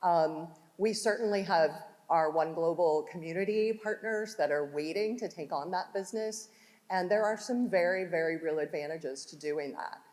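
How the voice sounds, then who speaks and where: A woman with a low voice hosts a question-and-answer session at a business conference. She talks in a loose, conversational way with plenty of ums, and her voice carries a long hall echo. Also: moderate pace, a little mellow. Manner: conversational, filler-heavy. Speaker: panel host. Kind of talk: corporate panel Q&A. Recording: hall reverb from room mic.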